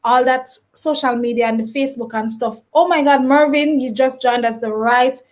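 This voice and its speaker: A woman hosting a casual live stream interview, animated as she greets viewers and reads out their comments. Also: high voice, moderate pace.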